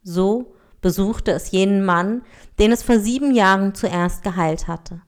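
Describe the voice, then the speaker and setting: Calm woman reading a story aloud. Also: medium pitch, measured pace, clean tone. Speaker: speaker reading a story to an audience.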